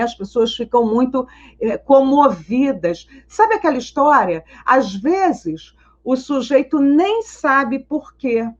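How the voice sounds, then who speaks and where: A woman psychologist teaching in a live online Q&A, animated and teacherly, telling anecdotes and asking rhetorical questions. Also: on the high side, dull audio. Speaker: psychologist and schema therapy teacher.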